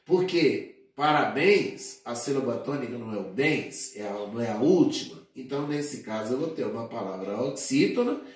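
A man teaching a grammar lesson, explaining slowly and deliberately, spelling out word endings and checking in with his listeners often. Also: mid-range voice, expressive. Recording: very echoey, distant from the mic.

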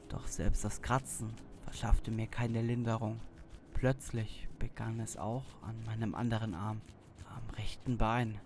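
Man, horror narrator, unhurried delivery, gravelly, dramatic, slips into whispers. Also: fairly low pitch, noisy background. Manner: tense, dramatic reading that drops to whispers. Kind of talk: scripted first-person horror narration.

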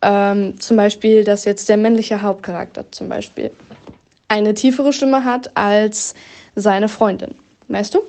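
A woman on a jury giving feedback, pausing often with filler sounds. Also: medium pitch, fairly even intonation, darkish tone. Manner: frequent ähm fillers. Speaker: jury member.

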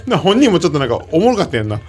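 A man's voice: a little high, very animated, racing, darkish tone. A man with a Kansai accent hosting a podcast in casual chat, chatty and often laughing as he tells stories. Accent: Kansai Japanese. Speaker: podcast host.

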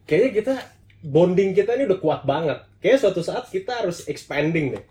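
A man's voice: sits high, brisk, a little hiss or hum. A man with a Betawi accent chatting casually as a podcast guest, joking and telling stories in loose Jakarta slang. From Depok, greater Jakarta, Indonesia. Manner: joking, animated storytelling in colloquial gua-lu slang.

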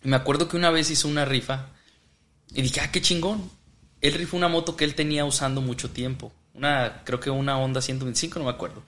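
A man's voice: mid-range voice, fairly even intonation, fast talker, a bit bright. A man, a motorcycle vlogger guest, telling a story in casual chat and acting out the quoted lines. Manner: laughs often, acts out quoted dialogue.

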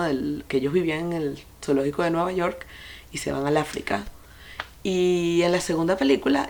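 A woman's voice: low-pitched, creaky, a little mellow. A woman with a Venezuelan accent hosting a solo podcast, telling stories and speaking straight to her listeners with advice. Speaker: podcast host. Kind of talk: reflective solo podcast monologue.

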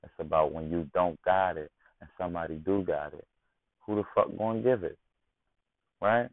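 A man with a low, gravelly voice holds forth in a relaxed, slangy podcast monologue, checking in with his listeners every few lines. The sound is thin and phone-like, with no room in it at all. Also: moderate pace, no room sound. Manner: slangy, constantly asks "you know what I'm saying". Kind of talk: casual monologue. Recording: tinny phone-like dry sound.

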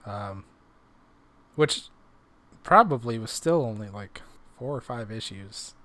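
A man's voice: on the low side, lively intonation, slow pace, sharp tone, dry recording. A middle-aged man co-hosting a podcast in casual chat, crude and self-deprecating, sometimes mumbling. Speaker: podcast co-host.

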